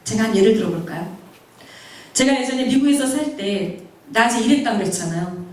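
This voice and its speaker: A woman missionary preaching a sermon and telling personal stories, animated, acting out the voices of people she quotes. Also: mid-range voice. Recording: very echoey hall, mic far off.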